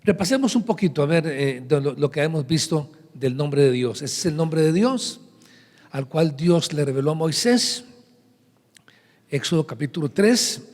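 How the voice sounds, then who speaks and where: Recorded live in a big church hall, this pastor delivers a sermon, teaching and reading scripture to the congregation. His male voice is fairly high-pitched with a slightly mellow quality.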